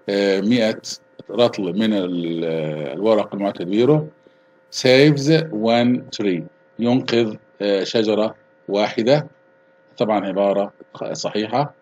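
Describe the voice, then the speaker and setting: Male English teacher. Slow, deliberate reading, fast translations. Low, husky voice. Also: darkish tone, rough recording. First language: Arabic. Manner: reads English slowly and clearly, translates quickly with fillers. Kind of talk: bilingual lesson, reading English lines and translating into Arabic.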